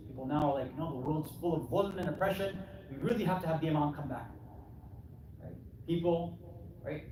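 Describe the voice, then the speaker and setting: Heard from a distance through heavy hall echo and noticeable noise, a slightly high-voiced man addresses a congregation at an Islamic center. He preaches colloquially in English, posing rhetorical questions, checking with "right?" and voicing what people might answer back.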